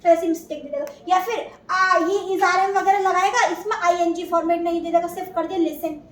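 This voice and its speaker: A woman's voice: extremely high pitch, steady tone, a little fast, far from the mic. A woman with an Indian accent teaching an English grammar class, asking questions and answering them herself. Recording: echoey room, voice from afar, faint noise.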